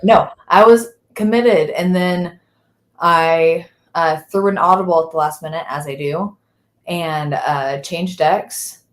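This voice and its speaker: A woman's voice: fairly low pitch, slow. A woman co-hosting a live podcast, chatting casually and rambling as she searches for words. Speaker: podcast co-host. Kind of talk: casual live-stream chat. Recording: roomy echo.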